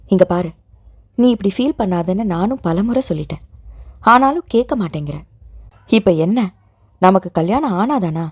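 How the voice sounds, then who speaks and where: A woman voicing a protective young man who comforts his fiancée and gently scolds her. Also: high-pitched, lively intonation, moderate pace, long pauses, husky, no echo, clean studio sound, exaggerated voice. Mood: tender reassurance.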